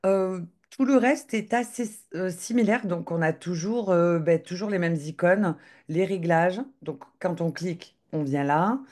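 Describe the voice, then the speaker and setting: A woman giving a live software demo on a video call, talking hesitantly with lots of filler sounds and restarts. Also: fairly low pitch, measured pace.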